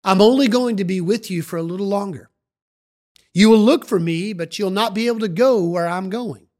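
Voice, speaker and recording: Jesus, as a narrator puts him on, earnest, reassuring, calm, Bible story reading. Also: mid-range voice, normal speed, natural voice. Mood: solemn. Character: calm earnest male Jesus teaching followers.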